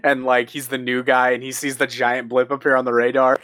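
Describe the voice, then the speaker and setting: A man's voice: medium pitch, level tone, a little fast, fairly bright tone. A man co-hosting a podcast in casual chat, rambling with many filler words. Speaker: podcast co-host.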